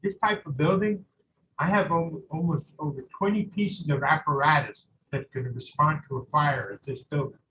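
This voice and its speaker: A fire chief giving formal testimony at a public hearing over a video call, his audio choppy and breaking up, speaking matter-of-factly with halting restarts. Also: a little high, bright, forceful tone, slight background noise, rough recording. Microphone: laptop mic at a distance on a video call.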